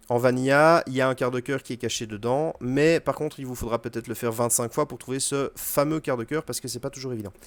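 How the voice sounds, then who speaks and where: Guy chatting over his gameplay, easygoing, lots of euh, mid pitch, dry close mic. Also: no echo. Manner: relaxed explaining with fillers and quick asides to the game. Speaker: gaming video host. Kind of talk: casual gameplay commentary.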